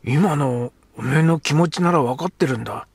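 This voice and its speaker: A man voicing a rough, sulky young Edo street boy who talks in coarse slang. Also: a little high, moderate pace, dry recording. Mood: sulky, gruff. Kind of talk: audiobook character voice.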